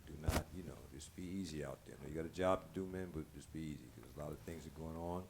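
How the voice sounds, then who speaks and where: A bass-voiced man talks fast as a guest on a talk show, keeping the chat casual, earnest and informal. The live-stream room sound is clearly noisy.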